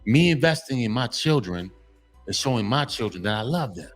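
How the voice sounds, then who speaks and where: A man's voice: medium pitch, animated, moderate pace, soft background music. A man, giving a heartfelt motivational talk to fathers. He is emphatic, stumbles and repeats himself, and is tearful at times. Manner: emphatic, repetitive, restarts often, preachy. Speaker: vlogger addressing fathers.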